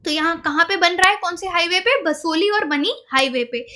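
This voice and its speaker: Young lady tutor doing an exam prep lecture, high bright voice, goes over key points twice. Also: normal speed. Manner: explanatory, mixes Hindi and English, repeats key points. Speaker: teacher.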